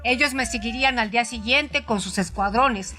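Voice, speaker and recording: A woman with a slightly high voice narrates a literary audio story at normal speed. Her delivery follows a dramatized radio storytelling style, with soft music playing beneath her.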